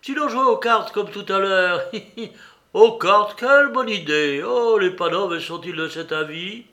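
A man's voice: high voice, measured pace, sharp tone, voice pushed up, exaggerated voice. A man reading a storybook aloud and voicing a proud, scornful young woman who talks in a raised voice.

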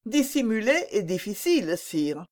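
A woman reading a sad, gentle young princess. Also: medium pitch, very animated, a little slow, pitched above the performer's own voice. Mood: melancholy. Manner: soft, sad firmness. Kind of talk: audiobook reading.

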